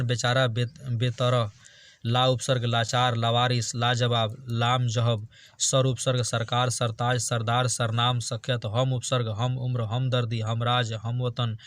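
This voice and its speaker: A man's voice: mid-range voice, dry recording. A male teacher gives an online grammar lesson, reading word lists aloud and joking with his students. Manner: chatty, jokes with students, drills word lists.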